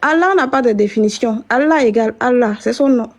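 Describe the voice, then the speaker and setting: Woman debater, firm and repetitive, high voice. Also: fairly quick. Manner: firm, repeats herself, interrupts. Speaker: debate participant. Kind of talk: heated religious debate.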